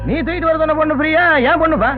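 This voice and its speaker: A man's voice: very high voice, very fast. An actor playing a whiny, wheedling comic henchman in a comic film, with a tinny soundtrack and music.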